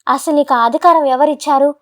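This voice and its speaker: A woman's voice: high voice, fairly even intonation, a little fast, a little mellow, lightly acted. A woman voicing an elderly father who speaks with grave, firm force, protective of his daughter, in a storybook drama. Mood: stern angry.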